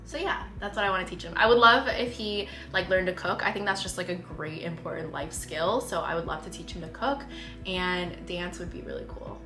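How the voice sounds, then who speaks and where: A young North American woman, a parenting vlogger, chats casually with her partner in a vlog, using "like" constantly. Her voice is fairly low and her pace fairly quick, with a roomy echo and faint background music.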